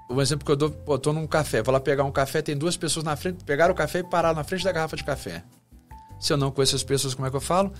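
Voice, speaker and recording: A man from Brazil with a slightly raised pitch talks in a teaching tone, breaking ideas into steps and acting out little example lines. He speaks as a guest on an interview podcast, with faint music behind him. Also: a bit bright. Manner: didactic, acts out short example phrases. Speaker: communication professor and guest.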